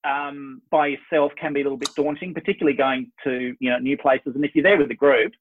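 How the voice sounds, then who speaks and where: A man's voice: mid-range voice, steady tone, fast talker, a little hiss or hum. A man hosting a casual chat, explaining details in a chatty, wry way. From Australia. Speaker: podcast host running ski group trips. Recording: tinny phone-line sound.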